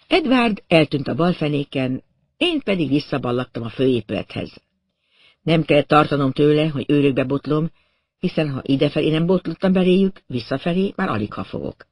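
A man's voice: on the high side, gravelly, breathy edge. A man narrating an audiobook in a wry, dryly humorous storytelling manner. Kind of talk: scripted narration.

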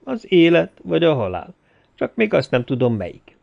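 Férfi által felolvasott kábult, nyugodt férfi. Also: male voice, a little high, huge pitch swings, gravelly, darkish tone, muffled recording, pitched above the performer's own voice, full character voice. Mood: dazed. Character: calm, dazed man speaking with spirits.

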